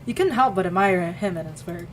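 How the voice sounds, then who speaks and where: A woman's voice: fairly low pitch, lively intonation, fairly quick, a little hiss or hum, rough recording. A young woman streaming, reading a visual novel aloud in a casual way, often tripping over words and correcting herself with a laugh.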